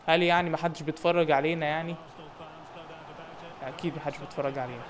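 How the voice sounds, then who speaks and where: A young man with an Egyptian Arabic accent giving joking, excited commentary on a football game and shouting at his players. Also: fairly high pitch, fast. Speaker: gaming YouTuber.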